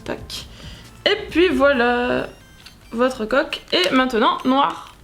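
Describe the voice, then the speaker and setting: A woman's voice: sits high, slow, creaky, fairly bright tone, faint music behind. A young woman vlogger chatting casually through a product demo, full of fillers and little spray and click sounds she makes herself. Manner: chatty, many fillers, sound effects like pchit and tac. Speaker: beauty vlogger.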